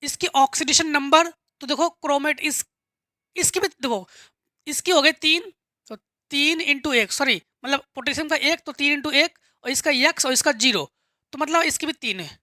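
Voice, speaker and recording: A woman with a high, bright voice teaches a chemistry lesson step by step at a moderate pace. She's patient, poses questions and answers them herself, and repeats key words. The recording is close and dry.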